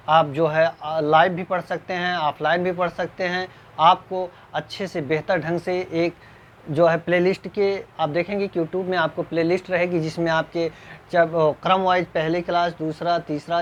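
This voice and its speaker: A man teaching Hindi grammar in an exam-prep lecture, reading example sentences slowly and putting rhetorical questions to his students. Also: high-pitched, fairly bright tone.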